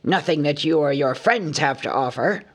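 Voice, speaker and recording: A man's voice: a little high, pitched above the performer's own voice, close to an everyday voice. A man reading an audiobook, voicing a proud, stubborn older dwarf king with a grave, wrathful manner. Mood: stern. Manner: grave and measured, growing furious.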